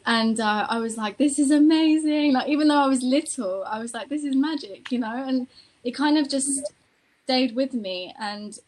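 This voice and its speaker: A woman's voice: high voice, normal speed, a little mellow, low-quality recording. A woman from Iran telling a personal story in a panel conversation, passionate, with many fillers. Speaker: panel guest.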